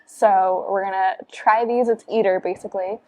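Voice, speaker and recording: A young woman vlogger chats casually from a couch inside a cafe, her mid-range voice steady, moderately paced, and darkish in tone. She comes across bubbly, filling her talk with lots of "like" and "um".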